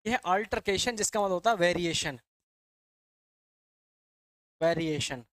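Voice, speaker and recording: A man's voice: high-pitched, measured pace, a bit bright, dry recording. Male teacher, quizzing style. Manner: repetitive, quizzing students with call-and-answer; addresses students as "beta" and "bachche". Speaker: English vocabulary teacher. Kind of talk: Hindi classroom lecture.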